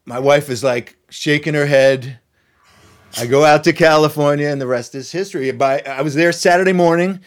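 A middle-aged man, a violinist, telling a story in casual chat, animated and laughing often. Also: fairly high pitch, normal speed. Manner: animated, laughs often, mimics voices in quotes.

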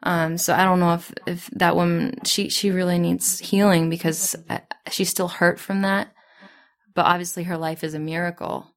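A young woman tells a story in a relaxed, chatty way and voices her own thoughts aloud as little quotes. Her voice sits a bit low, with a gravelly edge and little rise and fall. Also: moderate pace. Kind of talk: casual storytelling in conversation.

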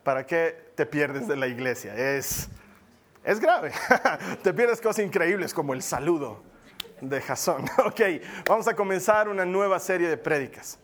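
A man preaching as pastor of a church, lively and joking with his congregation. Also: a little high, a little slow. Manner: lively, jokey preaching with acted asides. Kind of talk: sermon.

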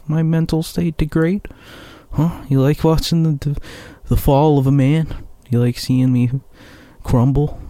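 A man's voice: medium pitch, dark tone, no room sound. A young American man, a musician, rambling through a profane, sarcastic casual monologue. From United States.

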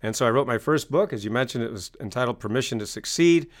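A fast-talking, expressive middle-aged man from Maine, USA, appears as an interview guest and tells his story. He's a success coach and author with a mid-range voice, and he hammers points home with repeated phrases like a motivational speaker.

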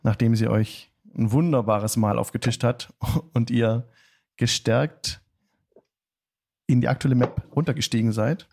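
A man hosting a tabletop game stream as game master, narrating the recap in a deliberate storytelling manner with drawn-out phrases. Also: mid-range voice, vocal fry, a little mellow.

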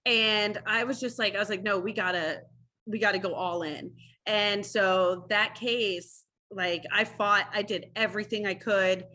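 A woman in her thirties tells her story in a casual interview, acting out the people in it with lively quoted voices. Her tone is bright and a little husky, and she peppers her talk with "like.". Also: medium pitch, unhurried. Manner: animated storyteller, acts out quotes, many "like"s. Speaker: interview guest, former defense attorney.

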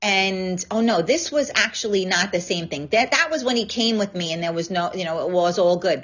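A woman hosting a casual live-stream chat, frank and animated, swearing freely as she tells stories. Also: mid-range voice, highs cut off. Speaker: talk show host.

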